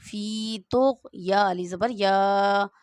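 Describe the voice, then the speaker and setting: A woman's voice: medium pitch, steady tone, extremely slow, a little mellow, clear, resonant tone, no echo, clean studio sound. A woman teaching Quran reading, patiently spelling out each word letter by letter and repeating it. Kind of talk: slow step-by-step recitation lesson.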